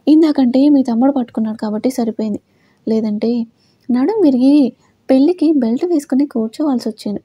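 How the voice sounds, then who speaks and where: A woman reads a scripted family story aloud, her voice pitched a little high but very dark and mellow in tone. She slips into each character's lines with a shift of tone. It is recorded close up and dry. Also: breathy edge, dry recording, lo-fi sound.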